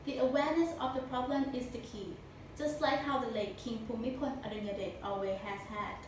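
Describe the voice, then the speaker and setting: A woman's voice: on the high side, steady tone, brisk. A young woman with a Thai accent delivers a memorized competition speech in a stiff, rehearsed way. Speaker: speech contestant. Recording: very echoey room, distant mic, noisy.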